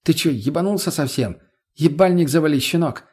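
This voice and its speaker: Guy doing a brash swearing girl, voice pushed up high, snaps at everyone. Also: animated, dark tone, breathy edge. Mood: snapping. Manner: snappy, crude, quick to swear. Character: brash foul-mouthed young woman healer.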